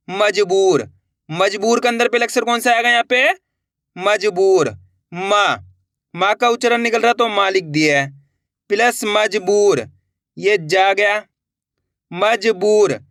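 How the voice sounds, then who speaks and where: A man's voice: high voice, fairly bright tone, dry recording. A man teaching how to write words letter by letter, repeating each word and answering his own questions. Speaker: Hindi writing teacher. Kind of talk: slow step-by-step spelling lesson.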